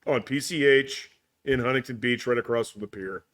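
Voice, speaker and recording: A man's voice: medium pitch, normal speed, a bit bright. Laid-back, teasing man from Southern California. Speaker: podcast guest. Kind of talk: casual interview chat.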